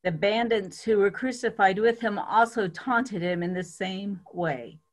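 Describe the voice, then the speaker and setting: A woman's voice: mid-range voice, measured pace. A woman giving a dramatic scripture reading as one of several readers.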